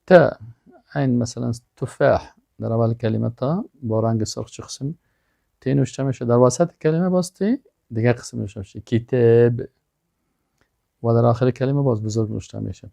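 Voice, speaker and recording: A man teaching a language lesson, sounding out example words slowly and deliberately. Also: mid-range voice, vocal fry, warm tone, no echo. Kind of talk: language lesson, explaining exercises.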